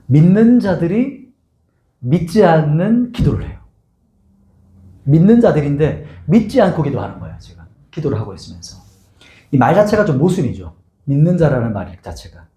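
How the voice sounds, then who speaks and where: A male pastor preaches in a sanctuary that rings with echo, his mellow voice sitting a little high and swinging widely in pitch. He keeps throwing questions out to the congregation and leads them in reading aloud together. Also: very animated, moderate pace. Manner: asks the congregation many rhetorical questions; acts out the scene with voices. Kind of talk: expository sermon. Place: church sanctuary. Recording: echoey church sanctuary.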